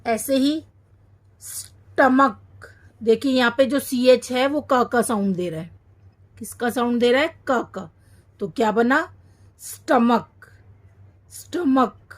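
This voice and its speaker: Woman teaching kids phonics, kinda high voice, sounds out every bit super slow. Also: animated. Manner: slow, sounding out each syllable and repeating words. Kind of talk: children's phonics lesson.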